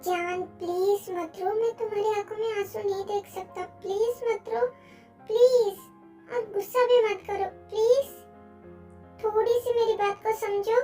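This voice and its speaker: A woman's voice: extremely high pitch, fairly even intonation, measured pace, dark tone, distant mic, soft background music, pitched above the performer's own voice. A woman voicing a possessive, pleading young man in a fan audio drama, speaking emotionally.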